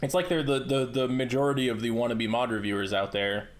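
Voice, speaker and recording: A man's voice: medium pitch, steady tone. A man hosting a casual interview, talking bluntly with frequent swearing. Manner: blunt and profane, quick asides. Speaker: podcast host interviewing a mod author.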